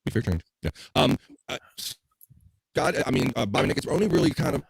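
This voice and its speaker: A man's voice: mid-range voice, big pitch swings, normal speed, creaky, husky, dry recording. A middle-aged man chatting as a show host, his audio breaking up and cutting out over a bad video-call connection. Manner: rambling, hesitant, many fillers. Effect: audio cutting out over a bad stream connection. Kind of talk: casual chat. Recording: distant, breaking-up stream audio.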